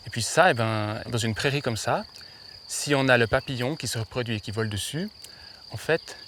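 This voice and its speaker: A man's voice: medium pitch, normal speed, a bit bright, slight background noise. Man explaining casually outdoors, chirping insects. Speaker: butterfly expert guest. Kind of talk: casual spoken explanation in an interview. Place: outdoors in a meadow. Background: faint insects and ambience.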